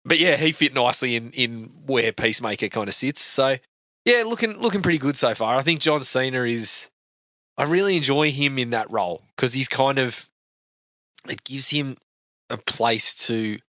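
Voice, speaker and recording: A man's voice: medium pitch, moderate pace, bright, forceful tone, no room sound. A man, co-hosting a casual movie podcast, chatty and laid-back, often laughing. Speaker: podcast co-host.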